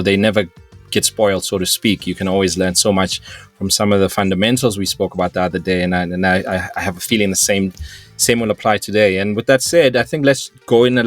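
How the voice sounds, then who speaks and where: Host, male, low voice, rambling questions, dry close sound, faint music. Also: no echo. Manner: rambling, many restarts. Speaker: podcast host. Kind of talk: casual interview talk.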